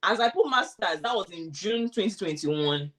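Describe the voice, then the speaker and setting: Woman, mid-range voice, casual animated storyteller in an interview, slightly distant mic. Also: medium pitch, moderate pace. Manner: animated, acts out quoted thoughts. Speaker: interviewee sharing her immigration story.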